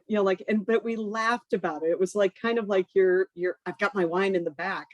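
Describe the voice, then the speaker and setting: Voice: mid-range voice, no echo. Speaker from California, chatty and effusive friend, mid-range voice, dry close sound. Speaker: friend giving a tribute. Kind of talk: remembrance storytelling.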